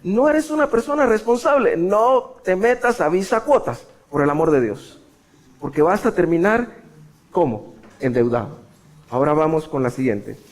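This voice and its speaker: A middle-aged man preaches a sermon in a somewhat high voice. His delivery is emphatic, dropping into quiet asides and then climbing to loud, raised cries. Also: expressive, normal speed. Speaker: pastor.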